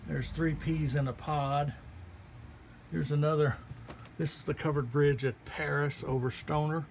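Filmed on a handheld phone, a slightly slow, higher-pitched male voice with vocal fry walks visitors through a small art gallery. He is the artist, relaxed and folksy, pointing out the paintings one after another. Faint background noise sits under this casual tour talk.

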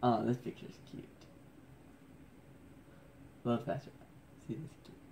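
Man, hushed home vlog, rambling, self-mocking, mid-pitched voice. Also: takes it slowly, gravelly, a little hiss or hum. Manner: hushed, keeping his voice down. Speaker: vlogger. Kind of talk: casual photo-scrolling commentary. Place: at home indoors at night.

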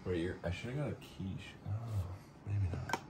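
A man's voice: sits low, measured pace, creaky, background noise. A young man chatting casually with his partner on a travel vlog, reacting wryly to food and drinks, picked up by a handheld phone. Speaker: vlogger's partner. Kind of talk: casual chat. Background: background music.

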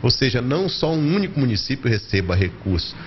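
A middle-aged man explaining things as a geologist in an office interview, pausing now and then, into a handheld mic. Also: mid-range voice, very animated, lo-fi sound, slight background noise. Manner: explanatory, with hesitations. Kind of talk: interview answer. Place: office with bookshelves.

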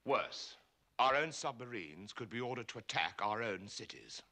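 Senior British intelligence chief, grave commanding briefing, crisp forceful tone, film drama. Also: male voice, fairly low pitch, animated, moderate pace.

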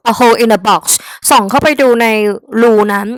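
Young Thai-accented woman tutor, chatty and familiar, fairly high voice, dry close sound. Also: a little slow, no room sound. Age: young adult. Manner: chatty, talks straight to the students as "kids", mixing English words into her lesson. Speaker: English tutor. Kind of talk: exam-prep vocabulary lesson.

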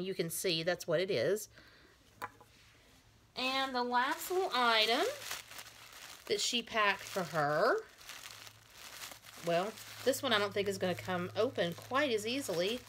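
A woman's voice: medium pitch, animated, normal speed, pauses often, fairly bright tone, a little hiss or hum. A woman in her thirties at home, casually unboxing a doll for a vlog and gushing over each tiny item. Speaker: doll collector vlogger. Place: at home with cat and child nearby.

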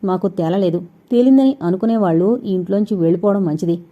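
A woman voicing a calm, level-headed man who is investigating, in a plain, matter-of-fact way. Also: mid-range voice, fast, highs cut off, lightly acted.

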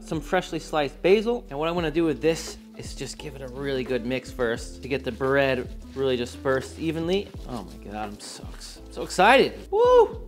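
A man in his thirties hosting a home cooking tutorial in a kitchen, enthusiastic with playful asides. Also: a little high. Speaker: cooking show host.

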